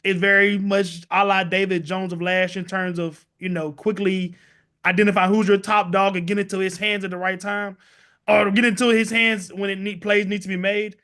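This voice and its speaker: A man's voice: high voice, flat delivery, moderate pace, sharp tone. A man hosting a casual sports podcast, rambling through his points with many "you know" and "like" fillers.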